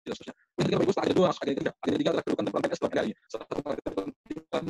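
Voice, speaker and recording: A man's voice: fairly high pitch, very animated, very fast, vocal fry, a little mellow. A man giving a formal training briefing over a video call, his audio choppy and cutting out, with hesitant filler sounds. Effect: choppy, breaking-up audio with dropouts. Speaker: training official presenting to participants.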